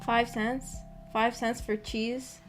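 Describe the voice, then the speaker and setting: Over background music, a young woman in her early adult years responds to live chat on her stream in a hesitant, rambling, faintly giggly manner, as if thinking aloud. Her pitch is on the high side, but her delivery is flat and slow.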